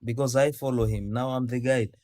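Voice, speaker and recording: A man's voice: mid-range voice, steady tone, brisk, darkish tone, no room sound. A man from Tanzania, debating religion on a call, who talks insistently, repeats himself and recites Arabic verses. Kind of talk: heated debate.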